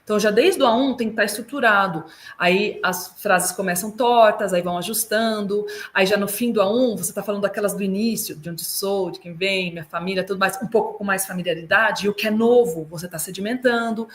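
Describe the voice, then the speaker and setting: A Brazilian woman consultant and German teacher giving lively, explanatory advice over a video call, sounding out German words to show how they are said. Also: mid-range voice, brisk, hardly any pauses. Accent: Brazilian Portuguese.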